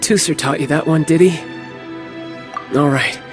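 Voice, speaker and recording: Man playing a higher-voiced cocky young warrior, music behind. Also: a little slow, lightly acted. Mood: fond, wistful. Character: Tartaglia, young male warrior, cocky yet devoted older brother. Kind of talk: video game voice acting.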